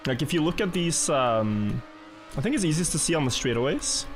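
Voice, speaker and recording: A man's voice: a little high, very animated, a little fast, a little hiss or hum. A man streaming a game, telling rambling stories in casual chat and chuckling now and then. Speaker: gaming streamer.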